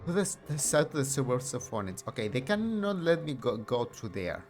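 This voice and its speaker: Rambling game streamer, lively pitch. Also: a little fast. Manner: rambling, many fillers. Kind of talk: casual game commentary.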